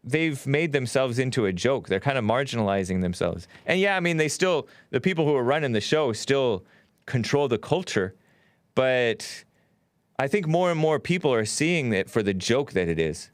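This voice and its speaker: Male talk radio host, casual conversation, very clean smooth tone, close dry studio sound. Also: medium pitch, lively intonation, normal speed, dry recording. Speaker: call-in radio show host. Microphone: close studio microphone.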